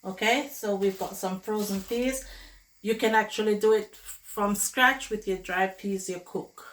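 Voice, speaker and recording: Her voice is mid-range, a little slow, and hoarse as if worn down by the flu, as she casually walks viewers, whom she calls guys, through cooking in her home kitchen. Pots, dishes and running water clatter loudly in the echoey space.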